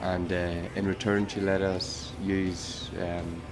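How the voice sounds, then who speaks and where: An easygoing man answers interview questions, hesitating and filling gaps as he goes. His voice is fairly low, with music playing clearly in the background. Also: flat delivery, slow. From Northern Ireland. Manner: easygoing, hesitant, many fillers. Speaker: rock band member. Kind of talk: casual interview chat.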